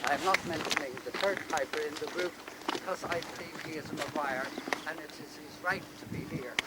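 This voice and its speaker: A man acting as clan storyteller gives a formal, courteous, halting address outdoors. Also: on the high side. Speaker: clan storyteller giving thanks. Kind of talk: outdoor ceremonial address, semi-improvised. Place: outdoors in open countryside. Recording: noisy outdoor amateur recording with clicks.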